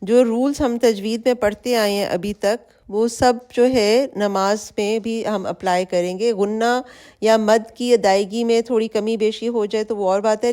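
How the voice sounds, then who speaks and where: A woman teaching tajweed rules in a lesson, explaining in a plain conversational way and reciting prayer verses slowly with long drawn-out vowels. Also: mid-range voice, warm tone.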